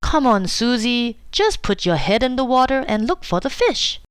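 A woman's voice: mid-range voice, big pitch swings, unhurried, no echo, studio quality, voice pushed up. Woman doing Lucy, an eager young hippo girl. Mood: coaxing. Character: playful young female hippo, impatient. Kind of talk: children's storybook reading.

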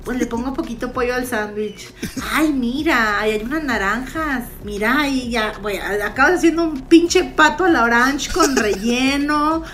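A young Mexican woman co-hosting a casual comedy podcast, animated and laughing, heavy with slang and swearing. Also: on the high side, moderate pace, few pauses, soft background music. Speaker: podcast co-host.

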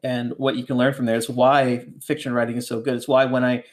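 Speaking briskly in a middle-pitched voice, a ghostwriter who grew up in Canada talks through ideas as a podcast guest. His manner is relaxed and rambling; he loops back, starts over, and repeatedly asks "right?"

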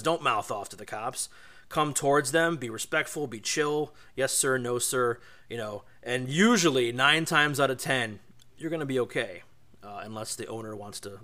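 A man's voice: mid-range voice, bright, forceful tone. A man in his forties hosting a podcast, telling a road story in a rambling, chatty way with lots of asides. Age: 40s. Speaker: podcast host. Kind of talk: casual storytelling.

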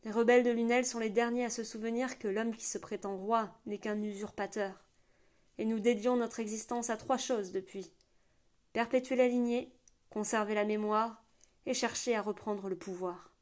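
A woman's voice: a little high, steady tone, normal speed, lightly acted. A woman voicing a hearty, bearded rebel prince, an older man who speaks grandly and rousingly. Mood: solemn, rousing.

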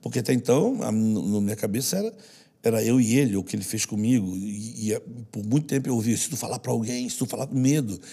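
A man's voice: medium pitch, animated, fast, creaky, warm tone, breathy edge. A man with a Brazilian Portuguese accent, a guest in an interview telling personal stories in an earnest, slangy way. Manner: earnest, slangy, repeats for stress. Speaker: guest who works with children. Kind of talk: emotional interview storytelling.

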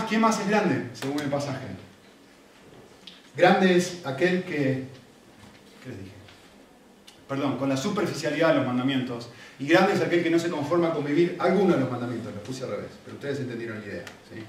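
Argentine preacher in an echoey hall. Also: male voice, mid-range voice, a little hiss or hum. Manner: animated, conversational, frequent rhetorical checks. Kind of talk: sermon. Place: church hall. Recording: echoey hall, mic from a distance.

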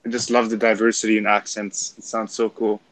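A man from Germany in a casual chat, friendly and encouraging, sometimes halting. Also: fairly low pitch, completely flat delivery, a little hiss or hum.

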